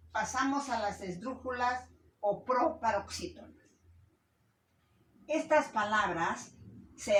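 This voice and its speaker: A woman's voice: medium pitch, a bit bright. A woman teacher giving a grammar lesson, stressing syllables and putting questions to her students. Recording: roomy, from a distance, faint noise.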